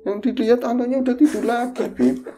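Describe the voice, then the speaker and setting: A man, a podcast host casually retelling a horror story in a vivid, animated way. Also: extremely high pitch, fast talker, soft background music.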